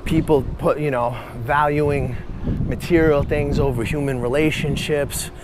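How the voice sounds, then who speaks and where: This is a man in his forties filming himself as he walks through a city. He talks bluntly and rambles, chopping off his own curses halfway. Street noise and passing traffic sit clearly behind his voice. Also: on the high side, fairly even intonation, measured pace. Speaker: vlogger and life coach. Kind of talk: casual walking vlog monologue.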